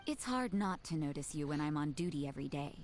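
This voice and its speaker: A woman's voice: low voice, lively intonation, quick pace, background noise. A woman voicing a cool, curt, watchful guard in a video game. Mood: cool, blunt.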